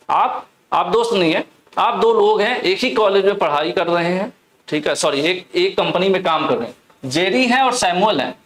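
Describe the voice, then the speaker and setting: A man's voice: high voice, a bit bright. A young man from Uttar Pradesh teaching, who talks through exam questions step by step and keeps asking and answering his own questions. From Uttar Pradesh, India. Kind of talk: exam question walkthrough lesson.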